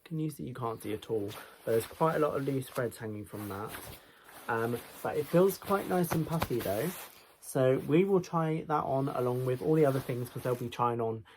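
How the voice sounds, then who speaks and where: A young fashion vlogger chats through a casual clothing try-on haul in a small bedroom, rambling with fillers and restarts. A cold makes his mid-range, darkish voice a little nasal, and his moderate pace comes through a camera mic as he moves toward and away from it, with slight background noise.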